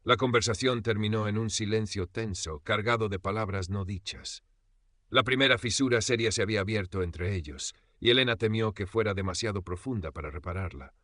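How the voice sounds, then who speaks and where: Bright, low-voiced male narrator. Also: dry recording, studio quality. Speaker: audiobook narrator. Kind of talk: scripted narration.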